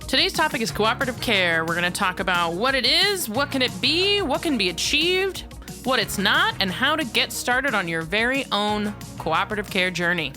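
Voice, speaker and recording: A woman's voice: fairly high pitch, sing-song, moderate pace, soft background music. A woman co-hosting a podcast, chatting casually and explaining ideas through step-by-step examples. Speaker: podcast co-host.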